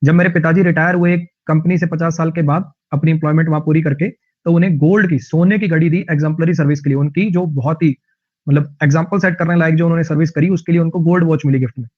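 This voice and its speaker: A male teacher with a Haryanvi-tinged Hindi accent, giving an online vocabulary lesson in a chatty, jokey way with lively anecdotes. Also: a little high, quick pace, highs cut off.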